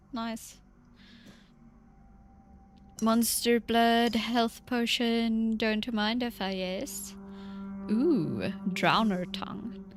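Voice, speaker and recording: A woman's voice: fairly high pitch, vocal fry. A woman streaming a game in casual, chatty commentary, talking to herself, giggling and trailing off mid-thought.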